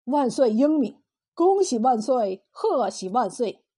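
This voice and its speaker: Woman voicing a respectful male prince, deferential, high, mellow. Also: very animated, takes it slowly, husky, exaggerated voice.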